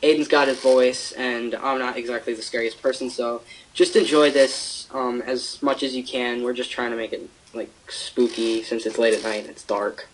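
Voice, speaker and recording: A man's voice: mid-range voice, flat delivery, normal speed, poor audio. A teenage boy co-hosting a live stream in casual chat, often repeating himself and trailing off.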